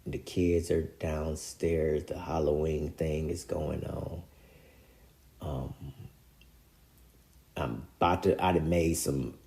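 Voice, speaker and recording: A man's voice: extremely low pitch, gravelly, dark tone. A man telling a painful personal story in casual slang, his voice sinking to near-whispers at the hardest moments. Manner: emotional, drops to near-whispers in heavy moments; casual street slang, repeats filler phrases.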